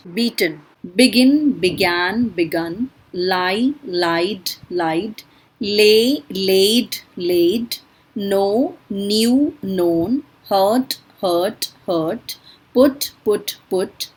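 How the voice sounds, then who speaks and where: Woman, English tutor, slow and patient drilling, husky tone. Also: medium pitch, low-quality recording. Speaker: English teacher. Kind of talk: spoken English lesson in Hindi.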